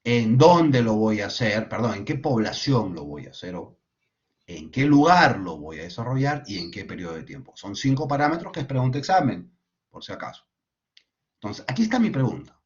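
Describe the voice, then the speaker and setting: A man's voice: mid-range voice, sing-song, normal speed. A man teaching an online class, explaining step by step and often checking in with tag questions. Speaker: lecturer. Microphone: video call. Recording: dull lo-fi video call audio.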